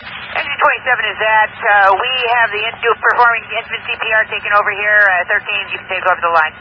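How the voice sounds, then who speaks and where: A male firefighter reports urgently over the radio in a very high-pitched voice. The signal is narrow and dull, with clear noise throughout. His delivery is halting but pressing. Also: steady tone. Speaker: firefighter on scene. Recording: noisy band-limited two-way radio.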